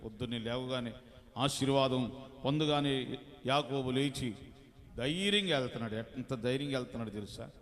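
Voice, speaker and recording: A male pastor preaching a fasting prayer sermon. He swings from soft asides to loud proclaiming and calls on the congregation for hallelujahs and clapping. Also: medium pitch. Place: church hall. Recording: long church hall reverb.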